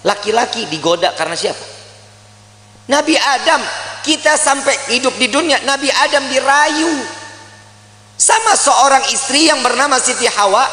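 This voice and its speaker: High, lively preacher in echoey hall. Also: male voice. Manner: joking, talks straight to the crowd. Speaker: Islamic preacher. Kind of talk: humorous marriage sermon. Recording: echoey hall with long reverb.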